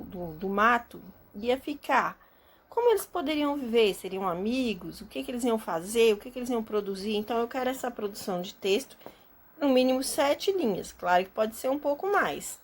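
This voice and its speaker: A woman teacher slowly explaining a homework assignment to her students step by step, often checking that they understand. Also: fairly high pitch. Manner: slow and patient, explaining step by step with many checks. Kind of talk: recorded remote class lesson.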